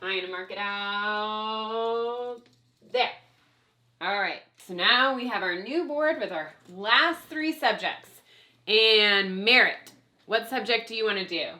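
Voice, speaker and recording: A woman's voice: mid-range voice, takes it slowly, bright, forceful tone. A woman teacher leading children in a playful class recitation. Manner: upbeat, playful, coaxing children to chant along. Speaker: homeschool co-op teacher.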